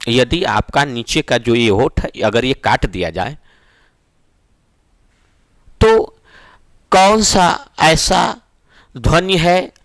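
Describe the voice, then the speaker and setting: Male grammar tutor, middle-aged, explains methodically with frequent check-ins, higher pitch, dry recording. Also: fairly bright tone, no echo. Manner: explains step by step, often asks "ठीक है ना?". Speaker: teacher. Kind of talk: exam-prep Hindi grammar lesson.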